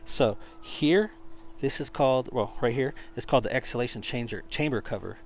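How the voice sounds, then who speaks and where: A man giving an informal hands-on product demonstration, speaking haltingly as he searches for words. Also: mid-range voice, a little hiss or hum. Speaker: product reviewer.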